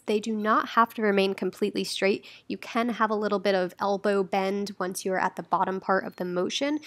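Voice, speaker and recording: A woman's voice: medium pitch, a bit bright, no echo. A young woman in her twenties talking through a gym workout in a friendly, encouraging instructional voice-over. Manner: friendly, encouraging step-by-step coaching. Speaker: fitness vlogger.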